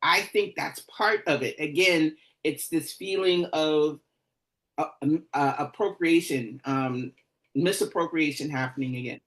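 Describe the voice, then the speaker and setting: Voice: medium pitch, measured pace, a bit bright, low-quality recording. Host running a group chat on a video call, punchy and emphatic, keeps asking okay?. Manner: emphatic, asks "okay?" for agreement. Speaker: meeting host. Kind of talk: leading a group discussion.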